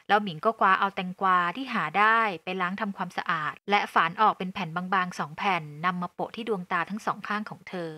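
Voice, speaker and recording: Bright woman narrating a story. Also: medium pitch, no echo. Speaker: audiobook narrator.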